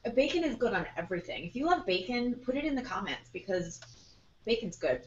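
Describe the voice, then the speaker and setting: A woman co-hosting a live online happy hour, chatting in a bubbly, excitable way. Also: medium pitch, a little fast, slight background noise. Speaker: co-host. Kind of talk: casual live webinar chat. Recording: echoey, distant, dull lo-fi audio.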